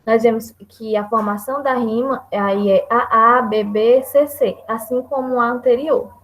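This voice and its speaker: A woman's voice: a little high, fairly even intonation, unhurried, fairly bright tone, low-quality recording. A woman with a Brazilian Portuguese accent giving a hesitant classroom presentation on poetry, full of fillers and restarts. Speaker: student presenter.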